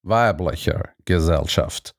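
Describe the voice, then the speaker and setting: A man voicing a smooth, evasive male diplomat who answers in a calm, measured way. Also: low voice, voice pushed down, full character voice.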